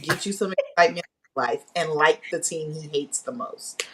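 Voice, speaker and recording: A woman's voice: deep voice, normal speed, fairly bright tone, breathy edge. A woman co-hosting a casual live podcast, blunt and teasing. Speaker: podcast co-host.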